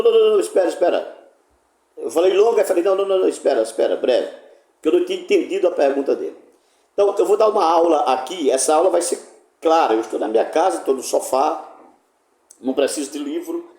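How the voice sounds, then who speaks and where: A man's voice: on the high side, warm tone, echoey room. A man gives an emphatic, indignant live lecture as a Greek teacher, speaking from his sofa at home. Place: home living room, on a sofa.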